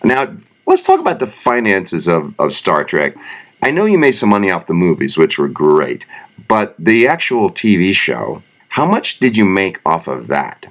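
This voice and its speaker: A man hosting a mock interview in a studio, asking brisk, upbeat questions. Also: low-pitched, wildly swooping pitch. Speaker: podcast host.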